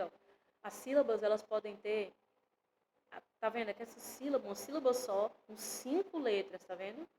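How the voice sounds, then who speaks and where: A woman's voice: mid-range voice, a little mellow, a little hiss or hum, poor audio. Brazilian woman teaching a grammar lesson. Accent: Brazilian Portuguese. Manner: explains step by step, often checks in with "né?" and "tá vendo?". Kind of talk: online grammar lesson for children.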